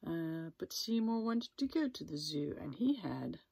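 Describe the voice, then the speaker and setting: A woman reads a picture book to young children slowly and patiently, her voice swinging widely up and down. There is a husky, slightly gravelly texture to her tone, and she drops in friendly asides to the kids watching. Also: low-pitched, no echo. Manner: gentle, lively, with asides to viewers. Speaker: teacher reading aloud. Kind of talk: storybook read-aloud for children.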